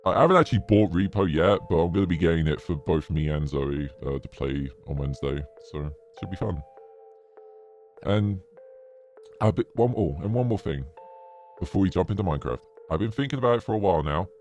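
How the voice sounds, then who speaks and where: A man's voice: lively intonation, brisk, darkish tone, faint music behind. A man streaming casually through a demonic voice changer, sounding possessed while chatting in an everyday way. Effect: demonic deep voice changer. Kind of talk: casual livestream chat.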